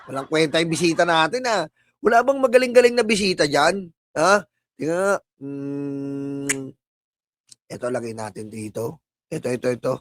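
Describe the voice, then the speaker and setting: A man's voice: a little high, lively intonation, moderate pace, a bit bright. A man with a Filipino accent hosting a live stream, ranting at his critics in a mocking, sneering way and laughing at his own jabs. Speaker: political livestream commentator.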